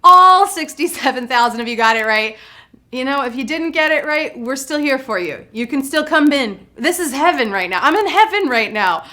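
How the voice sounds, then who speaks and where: Bubbly high-voiced woman hosting trivia. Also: animated, normal speed, pushed and bright. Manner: bubbly and jokey, punning and talking to the chat. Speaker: trivia game show host. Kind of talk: live trivia show hosting. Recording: faint music behind.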